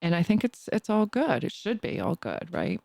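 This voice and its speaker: Sixties woman podcast host, mellow low voice, dry close sound, chatty and laughing. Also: huge pitch swings, normal speed, vocal fry, no room sound. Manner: chatty, laughing, playful teasing. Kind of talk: casual chat.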